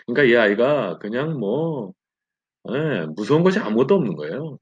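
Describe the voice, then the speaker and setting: A man teaching a church Bible lesson, telling a story with animated delivery and frequent affirming fillers. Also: on the low side, breathy edge, highs cut off.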